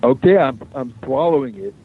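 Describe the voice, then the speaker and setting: A man's voice: mid-range voice, brisk, a little hiss or hum. A man co-hosting a radio show by phone from a back room, playful and laid-back, his voice muffled and hollow as if he were down a well. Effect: muffled, hollow phone line, as if down a well. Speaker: co-host. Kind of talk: casual radio chat. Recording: tinny, muffled phone-line call-in.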